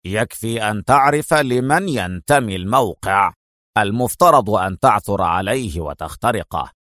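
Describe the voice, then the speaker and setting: A man voicing a cold, menacing villain in an audiobook, speaking slowly and quietly. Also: sits low, expressive, no room sound, clean studio sound, pitched below the performer's own voice. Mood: stern. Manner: slow, quiet, deliberate. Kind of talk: audiobook character voice.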